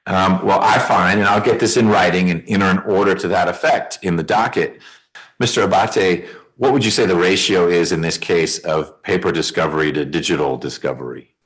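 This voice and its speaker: Deep-voiced man, plain-spoken judge. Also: a little fast, a bit bright, low-quality recording. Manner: plain-spoken, conversational, checks for understanding. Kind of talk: informal courtroom explanation. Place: courtroom.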